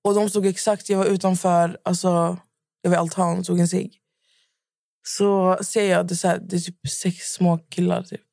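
A young woman co-hosting a podcast in casual chat, with short reactions and animated retellings. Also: on the low side, gravelly, dry recording, studio quality. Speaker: podcast co-host.

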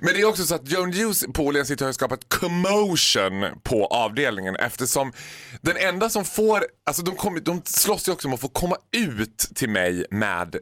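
A young man, a regular guest on a morning radio show, telling stories in campy, animated banter with put-on voices, in a studio. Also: fairly high pitch, no room sound. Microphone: studio microphone.

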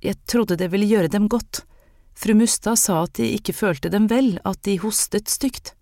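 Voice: medium pitch, dark tone, dry recording, clean studio sound, voice pushed up, natural voice. A narrator voicing Anne, an anxious young maid with a secret healing gift, speaking earnestly and hesitantly in an audiobook. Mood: pleading. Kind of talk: audiobook character reading.

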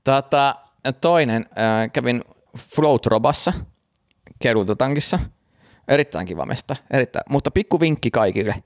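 A man's voice: mid-range voice, dry recording. Guy cohosting a chatty podcast, dead dry sound, acts out little quotes. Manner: animated storyteller, acts out shouted quotes. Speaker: podcast co-host. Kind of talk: casual chat.

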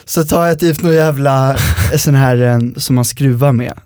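A man hosting a podcast, telling stories in an animated casual chat and swearing freely. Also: mid-range voice, clean tone, no echo, clean studio sound. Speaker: podcast host.

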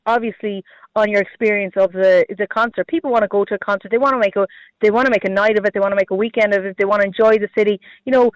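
A man's voice: sits high, dry recording, lo-fi sound. A man with a west of Ireland accent answering as a politician in a radio interview, hesitant and repeating himself. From Galway, Ireland. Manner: hesitant, repetitive, heavy use of "you know" and "like". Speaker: politician, party representative.

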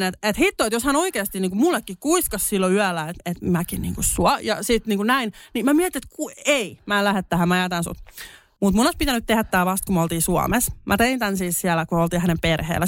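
A young woman with a Finnish accent, mixing in English words, co-hosting a podcast and telling a story in casual chat, her voice jumping high when she gets indignant. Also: no room sound, studio quality. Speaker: podcast co-host.

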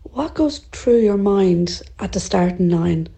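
A woman's voice: medium pitch, animated, slow, vocal fry, mellow. A woman asking a question in a WhatsApp voice message played on air. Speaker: listener sending a question.

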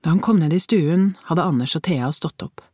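A reader narrating a crime novel as an audiobook, in measured storytelling with tense inner questions. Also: mid-range voice, a little mellow, breathy edge, dry recording, clean studio sound.

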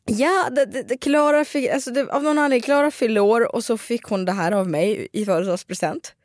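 Woman podcast host from Dalarna, casual chat, fairly high voice, dry close sound, animated storyteller. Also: dry recording. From Dalarna, Sweden. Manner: animated storytelling with many restarts and fillers.

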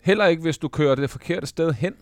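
A man's voice: on the high side, no echo, studio quality. A man co-hosting a casual football podcast, easygoing and casually swearing. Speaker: podcast co-host. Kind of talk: casual chat.

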